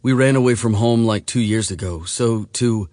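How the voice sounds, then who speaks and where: A man reading an audiobook voices a frightened, skinny nineteen-year-old runaway boy who speaks in halting, broken phrases and cries. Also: lowish voice, darkish tone, no room sound, close to an everyday voice. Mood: nervous. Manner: halting, fragmented speech, crying.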